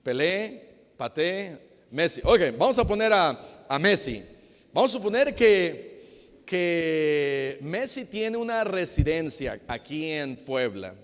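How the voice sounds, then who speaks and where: A pastor with a notably high voice delivers a lively, unhurried sermon. He acts out little conversations as he preaches, and his voice rings through a hall with a long reverb. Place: church hall.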